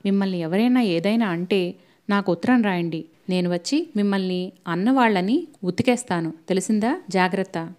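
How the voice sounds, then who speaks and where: A woman voicing a gruff, domineering older man who threatens and gives orders. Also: medium pitch, normal speed, a little mellow, close to an everyday voice. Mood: blustering. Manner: blustering, threatening.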